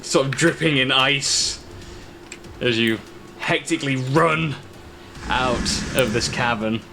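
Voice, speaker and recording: A man acting as game master, telling an improvised tabletop adventure in short, halting, descriptive phrases. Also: mid-range voice, creaky. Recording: faint background noise.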